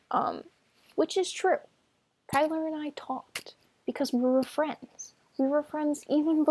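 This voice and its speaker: A young woman in her twenties tells a story straight to camera in a casual, defensive way, sprinkling in fillers and dry sarcasm. Her voice sits a little high with plenty of vocal fry, and it sounds close and dry. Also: dark tone, no room sound. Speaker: vlogger telling a personal story.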